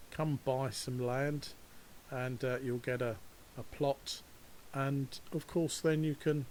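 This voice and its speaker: A man in the middle of his range talks his way through a virtual stroll, rambling from one aside to the next. He chuckles at his own trivia and keeps an easy, conversational flow. A soft hiss sits faintly behind the voice. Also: mid-range voice, rough recording. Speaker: virtual world guide. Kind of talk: casual walkthrough narration. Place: home setup, voice over a VR headset session.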